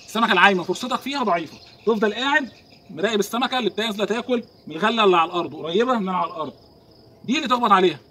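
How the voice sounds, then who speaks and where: A man with an Egyptian accent giving an animated outdoor fishing lesson, talking straight to the viewer. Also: high-pitched, very fast, slight background noise. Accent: Egyptian Arabic. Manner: animated, instructive, talks to the viewer. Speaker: fishing vlogger. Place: outdoors by the water.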